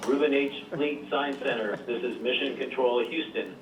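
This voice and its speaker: A man's voice: medium pitch, normal speed. A man acting as mission control radio operator, speaking in formal, clipped radio-call protocol over a distant radio link that sounds like a sci-fi communicator. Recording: echoey distant radio feed with faint hiss.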